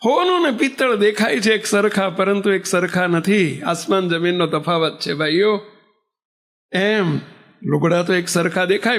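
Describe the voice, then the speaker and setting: A man, a monk preaching a sermon, telling stories and asking the audience rhetorical questions. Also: high-pitched. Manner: lively storytelling with rhetorical questions.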